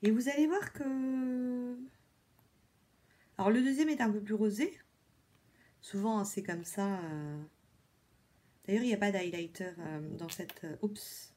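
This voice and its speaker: A woman talks casually to her viewers, reviewing makeup as she goes. She repeats words often and fills her pauses with fillers. Her voice sits at an ordinary middle pitch. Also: warm tone, slight background noise. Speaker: beauty vlogger. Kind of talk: casual product review chat.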